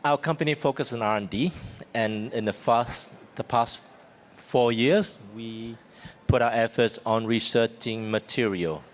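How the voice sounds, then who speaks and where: Speaking at a measured pace and medium pitch, a male presenter and company founder from Vietnam and New Zealand gives a live business talk on a trade fair's seminar stage. He uses informal, simple English with non-native phrasing, and the audio picks up noticeable ambient noise.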